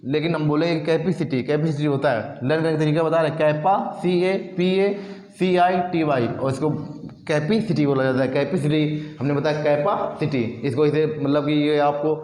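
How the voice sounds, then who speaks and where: A male teacher spells English words letter by letter and chants them over and over, stretching each one out. His voice sits a little high for a man. The room is echoey, with a long reverb trailing each word. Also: steady tone, normal speed, a little mellow. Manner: drawls and repeats words in a sing-song chant. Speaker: vocabulary teacher. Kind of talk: exam vocabulary lesson, spelling words aloud.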